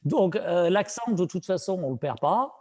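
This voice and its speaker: A man speaking with a marked Saint-Étienne French accent in a fairly high voice. He talks in a loose, conversational way as a business broker. He explains things earnestly and hands out practical advice. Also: animated, moderate pace, warm tone. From France. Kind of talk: casual conversation.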